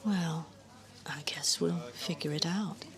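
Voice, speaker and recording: Woman as a breezy sly American woman, soft, whispery, breathy, a bit of fry. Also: deep voice, takes it slowly.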